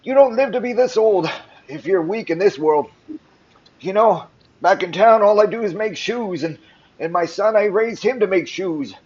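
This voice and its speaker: A man's voice: sits high, animated, normal speed, a little mellow, lo-fi sound, voice pushed up. A man voicing an overly talkative old male cobbler who rambles on and spits as he talks. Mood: rambling. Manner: rambling, prattling on. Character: chatty spitting old male cobbler villager.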